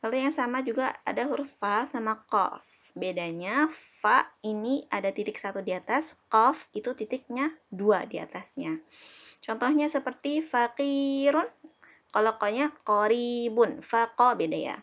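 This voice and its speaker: A woman from Indonesia teaching an Arabic lesson, patiently repeating herself and slowly sounding out each example. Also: a little high, expressive, fairly bright tone. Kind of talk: classroom lesson explaining letters.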